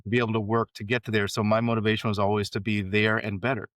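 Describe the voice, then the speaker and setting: A male podcast guest who explains his background in a steady, storytelling manner. His voice sits low and sounds dry and close. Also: quick pace, dry recording. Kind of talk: conversational interview.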